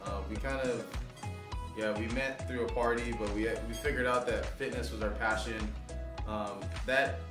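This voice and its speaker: A young man raised in Los Angeles, chatting casually in a vlog with a relaxed, rambling manner full of fillers. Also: mid-range voice, normal speed. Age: young adult. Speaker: vlogger, aspiring fitness coach. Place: living room indoors. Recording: roomy and distant with music.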